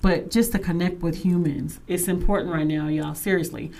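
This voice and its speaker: Brief: woman, talk show host, emphatic and animated, near a studio mic. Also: lowish voice, normal speed, vocal fry, a little hiss or hum. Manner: emphatic and animated, says she sounds aggressive. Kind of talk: casual talk show chat. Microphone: studio microphone.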